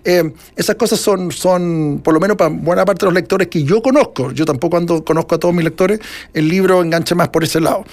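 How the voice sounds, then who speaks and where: A middle-aged man with a Chilean accent talks about his own writing. His voice sits high, and he rambles reflectively, with many fillers and restarts. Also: fairly even intonation, brisk, a little mellow. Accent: Chilean Spanish. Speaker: author being interviewed. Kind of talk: casual interview conversation.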